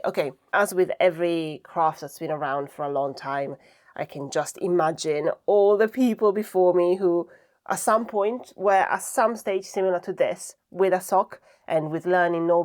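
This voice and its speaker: A woman's voice: fairly low pitch, normal speed, darkish tone. A woman chatting casually and reflectively to camera while she does crafts, thinking aloud as she goes. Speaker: craft vlogger.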